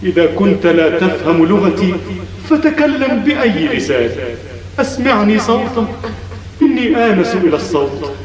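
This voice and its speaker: An actor playing a frightened young stranger lost in a city turned to stone, in a vintage Arabic radio drama, crying out and pleading in a breathless monologue. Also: male voice, high-pitched, big pitch swings, normal speed. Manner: fearful, breathless monologue, cries out and calls aloud. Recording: roomy echo, distant mic, crowd noise behind.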